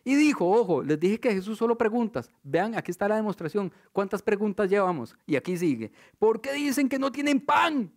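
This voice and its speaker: A man preaching a sermon in a Costa Rican accent, his voice sitting high. He tells stories and presses the listener with rhetorical questions. His delivery swings from raised to hushed. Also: very animated, brisk, few pauses. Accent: Costa Rican Spanish. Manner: storytelling with rhetorical questions, shifting between loud and hushed.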